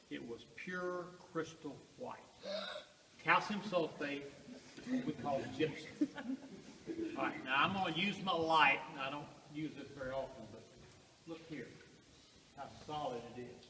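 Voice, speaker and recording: A man's cave echo fills the recording as he guides a tour, his sharp, highish voice ringing in long reverb. He projects from some distance to a group, pausing for emphasis and asking rhetorical questions. There is faint noise behind him. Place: large underground cave. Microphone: distant camera among the tour group.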